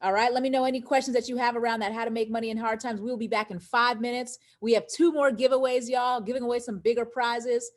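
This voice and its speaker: An upbeat woman hosts a live-stream interview, her voice sitting a little high. She speaks directly to her viewers, and the audio comes through a video call. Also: fairly even intonation, fast, hardly any pauses. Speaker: host.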